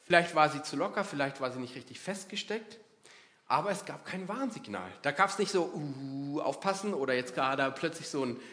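Male preacher, slightly higher voice, chatty sermon delivery with acted asides. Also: brisk. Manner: lively, conversational preaching with acted-out inner voices.

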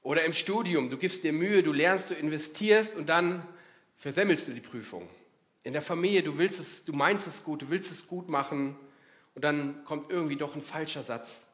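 A man preaching a sermon in a lively, conversational way, acting out inner voices as he talks. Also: on the high side, moderate pace.

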